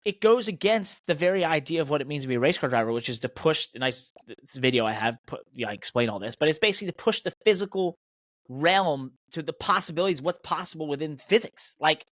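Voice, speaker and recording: An American professional racing driver co-hosts a motorsport podcast, chatting casually while sounding emphatic and opinionated. His voice is on the high side and fairly bright, with lively intonation and a fast delivery. The recording is dry.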